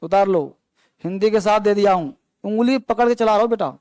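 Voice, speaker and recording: A man's voice: high voice, brisk, a little mellow, smooth, no room sound. A man teaching an online English grammar class, explaining patiently and mixing with English words. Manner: patient explaining, mixing Hindi and English, calls students beta and babu.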